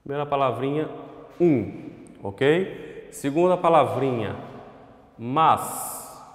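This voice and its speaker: Brazilian guy teaching kids at the whiteboard, really slow and patient, lots of "ok?", echoey room. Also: medium pitch, lively intonation. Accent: Brazilian Portuguese. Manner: slow, patient, drawn-out words for dictation; addresses the pupil at home, asks "ok?". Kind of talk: primary school online lesson. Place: classroom with a whiteboard. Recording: echoey room with long reverb.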